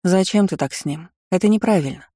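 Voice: mid-range voice, brisk, warm tone, no room sound, clean studio sound, pitched above the performer's own voice, close to an everyday voice. A reader voicing a young heroine who talks urgently and accusingly. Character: young heroine, defiant and angry vampire girl.

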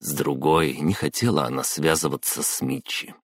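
A man narrating a story in an even storytelling manner. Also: a bass voice, normal speed, dry recording, clean studio sound. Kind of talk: audiobook narration.

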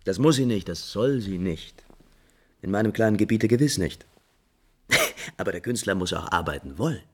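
A man's voice: fairly low pitch, lively intonation, normal speed. An actor playing an imperious, moody, lovesick prince in classical German stage drama, theatrical and declamatory, lingering on his words. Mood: lordly, brisk.

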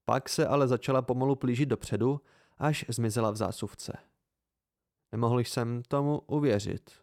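Male reader, amateur audiobook, steady first-person narration, mid pitch, dry close sound. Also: dry recording.

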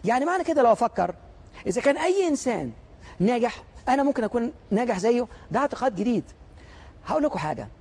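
A man with an Egyptian accent giving an animated motivational lecture, full of stories and rhetorical questions to the audience. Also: extremely high pitch, fast, slightly rough. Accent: Egyptian Arabic.

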